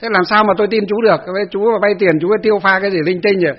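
A man's voice: high voice, steady tone, very fast, muffled recording. A man, a Buddhist monk, giving a dharma talk in a chatty storytelling way with many fillers.

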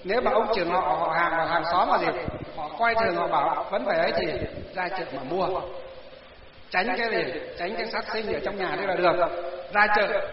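A man's voice: sits high, a little fast. A man preaching a Buddhist sermon to a gathered audience, constantly posing rhetorical questions and answering them himself, and sometimes questioning listeners directly. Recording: roomy hall reverb, dull lo-fi sound.

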